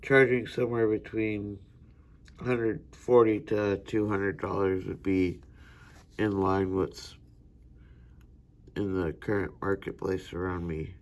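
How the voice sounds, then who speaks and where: An American man, a gunsmithing student, giving an unhurried instructional demonstration with frequent hesitations. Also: low-pitched, flat delivery.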